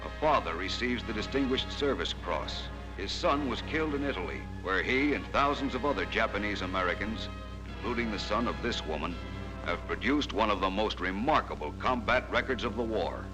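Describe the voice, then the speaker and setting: A man's voice: on the low side, animated, a little fast, rough recording. A man giving declamatory, solemn and emphatic narration in the style of a 1940s wartime newsreel. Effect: old newsreel narration. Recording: narration over a loud music score.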